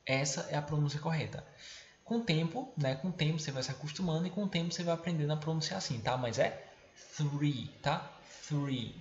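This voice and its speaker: A patient man teaches English to students at home, stopping to check in and slowing down to model each word. His voice sits fairly high. The recording is echoey and dull, with faint noise underneath. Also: animated. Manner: patient, checks in with short tag questions, slows to model words. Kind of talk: remote classroom lesson.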